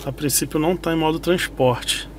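A man's voice: on the high side, fairly even intonation, moderate pace. A Brazilian man doing a casual car vlog, thinking aloud informally as he checks out parked cars. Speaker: car reviewer. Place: in and around parked cars at an outdoor lot. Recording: clear car and outdoor ambient noise.

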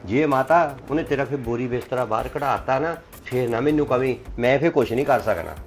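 A man's voice: mid-range voice, brisk, faint music behind, natural voice. A man with a Punjabi accent playing a son who lectures and warns his elderly mother. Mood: lecturing. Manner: lecturing, warning. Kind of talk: family drama acting.

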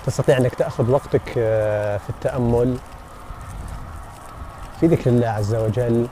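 A man in his thirties narrating a cycling vlog in a measured, halting way with pauses, recorded outdoors on a phone. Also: mid-range voice, steady tone, mellow, a little hiss or hum. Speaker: cycling vlogger. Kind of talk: casual reflective vlog narration. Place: outdoors along open roads and desert at night and dawn. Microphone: phone at arm's length.

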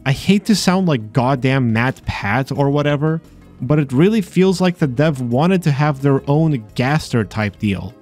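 A man's voice: medium pitch, animated, measured pace, darkish tone. A man narrating a scripted voice-over about a video game, with dry, sarcastic asides. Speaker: video host exploring games. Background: faint game music.

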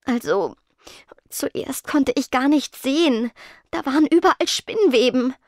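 A woman voicing a shy, nervous teenage ghost girl who speaks softly and stammers. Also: high voice, animated, measured pace, no room sound, studio quality, pitched above the performer's own voice. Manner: soft, stammering, timid.

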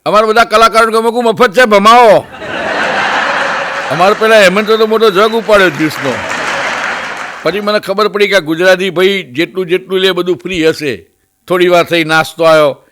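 A man's voice: quick pace, some chatter behind. A Gujarati-accented male comedian telling a funny story and acting out its characters. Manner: animated, acts out characters with raised pitch. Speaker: stand-up comedian. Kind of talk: comic storytelling. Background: audience laughter.

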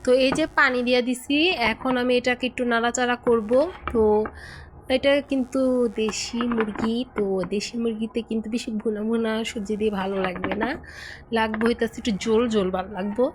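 A woman with a Munshiganj Bengali dialect chats casually to her viewers as a cooking vlogger. Her voice sits a little high, and she keeps asking whether they follow. The home video recording has clear noise behind her. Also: steady tone, brisk. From Bangladesh.

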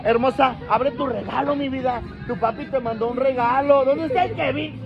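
A man with a Mexican accent working as a party clown in the street, loud and teasing, often shouting jokes at people around him. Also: very high-pitched, moderate pace. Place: outdoors on a busy street. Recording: dull street recording with a loud crowd.

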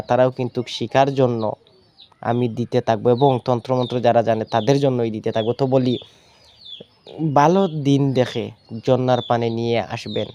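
Mellow-voiced man teaching folk remedies. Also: mid-range voice, clean tone, lo-fi sound. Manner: repetitive, poses rhetorical questions then answers them. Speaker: folk healer channel host. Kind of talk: casual instructional talk to camera.

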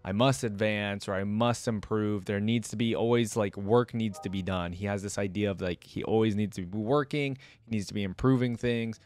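Lowish and darkish in tone, the young man's voice stays steady at normal speed with few pauses. He hosts informal, rambling reaction commentary at a desk indoors, close to a desk mic and wearing a headset.

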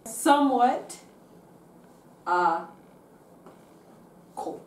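A woman's voice: fairly high pitch, animated, extremely slow. A young woman from Guatemala answering interview questions earnestly, with light humour. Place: small dormitory bedroom. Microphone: far camera. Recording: roomy, distant camera sound.

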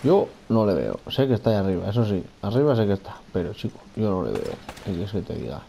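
A man commenting on a video game as he plays, with a gravelly, dark voice. He mutters to himself, repeats phrases and curses at enemies. A faint noise sits under the recording. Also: lowish voice, wildly swooping pitch, quick pace. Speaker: gamer playing a video game. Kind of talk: casual let's-play commentary.

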